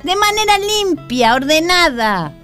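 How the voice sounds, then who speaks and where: A woman with a Rioplatense Spanish accent rants emphatically on a radio talk show. Her voice is high and bright, with a sharp edge. Light music runs behind her. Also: big pitch swings, unhurried. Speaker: radio co-host. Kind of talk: casual radio chat.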